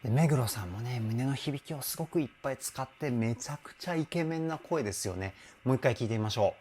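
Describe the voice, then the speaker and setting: Enthusiastic Japanese vocal trainer man, lively pitch. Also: quick pace, noisy background. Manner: enthusiastic, chatty, frequent hums and interjections. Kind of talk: casual music analysis commentary.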